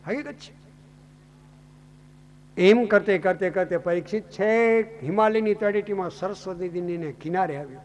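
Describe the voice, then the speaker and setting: A man from Gujarat tells a scripture story as a sermon in a high voice, dramatic and full of rhetorical questions. Faint noise sits under him. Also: moderate pace, pauses often, a little mellow. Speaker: Bhagavata katha speaker.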